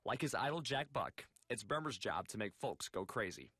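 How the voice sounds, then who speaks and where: A young man reading a scripted television news report in a measured way. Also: fairly low pitch, big pitch swings, fairly bright tone. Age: young adult.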